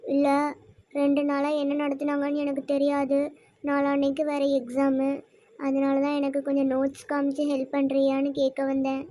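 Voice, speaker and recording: A woman acting as a humble, kind-hearted poor schoolgirl in a church kids' skit. She talks gently and pleadingly in a high voice with a dry, close sound. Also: monotone, moderate pace, no echo, lightly acted.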